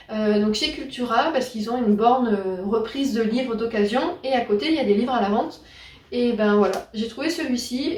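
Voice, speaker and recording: Woman, chatty book vlog, fairly high voice, roomy echo, a bit far from the mic. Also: darkish tone. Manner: chatty, many fillers and self-corrections. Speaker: book YouTuber. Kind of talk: casual book haul vlog.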